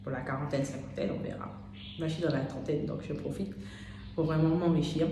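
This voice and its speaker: A woman in her thirties with a low voice gives a motivational coaching talk, speaking straight to the listener with frequent hesitant pauses. The room rings with heavy echo. A steady hiss of background noise sits under her voice. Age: 30s. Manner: unscripted, addresses listener as "tu", many "euh" pauses. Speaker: life coach.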